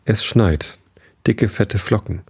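Low-voiced man with a gravelly, dark tone narrating a kids' story. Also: slow. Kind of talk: scripted narration of a children's story.

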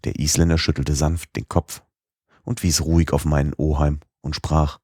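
A man's voice: a bass voice, little pitch movement, moderate pace, a little mellow, no room sound, clean studio sound. A man narrating a classic novel as an audiobook, reading expressively and giving voice to the dialogue.

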